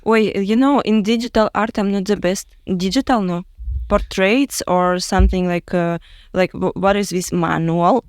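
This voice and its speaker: A woman from Russia with a Russian accent, speaking English as a second language and often pausing to search for words as an interview guest. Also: mid-range voice, steady tone, darkish tone, no room sound, studio quality. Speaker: guest musician. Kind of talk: casual interview chat in English.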